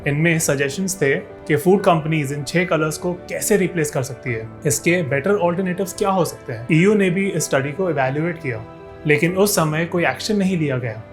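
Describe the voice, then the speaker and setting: A fitness YouTuber narrates a scripted explainer to his viewers, often asking rhetorical questions and tossing in sarcastic asides. His voice is a little high, his pace normal, with soft background music.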